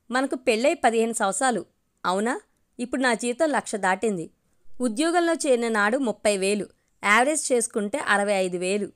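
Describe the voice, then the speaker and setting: In a storybook reading, a woman with a fairly high voice lightly acts the part of a firm, dignified middle-aged wife and mother who argues reproachfully.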